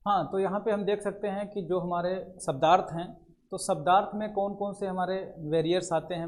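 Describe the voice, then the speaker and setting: A man's voice: a little high, a little mellow. A male lecturer, explaining terms in a classroom lecture and mixing in English words. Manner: explains terms in Hindi with many English words, repeats fillers.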